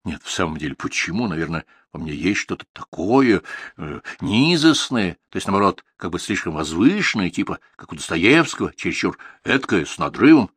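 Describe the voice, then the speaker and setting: A male reader doing a brooding man who circles his own thoughts and takes offence easily. The voice is low, with a dry, close sound. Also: sing-song, normal speed, fairly bright tone, slightly rough, no echo, heavily acted. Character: man, brooding, touchy, quick to anger.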